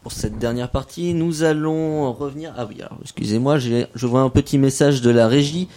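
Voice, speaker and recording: Man, radio host, relaxed warm tone, playful, encouraging, chatty. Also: mid-range voice, moderate pace, a little hiss or hum. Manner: playful, self-mocking and encouraging. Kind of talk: casual radio chat with children.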